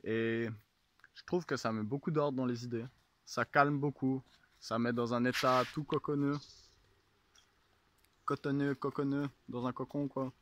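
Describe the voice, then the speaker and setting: Guy with a normal pitched voice teaching meditation, informal instructor style. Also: fairly even intonation, measured pace, pauses often.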